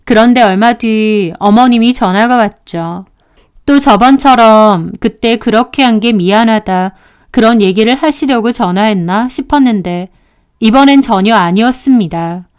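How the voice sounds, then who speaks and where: A woman telling a story in the first person, indignant and emphatic throughout. Her voice sits a bit higher than most women's. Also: normal speed, darkish tone, clear, resonant tone. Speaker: narrator.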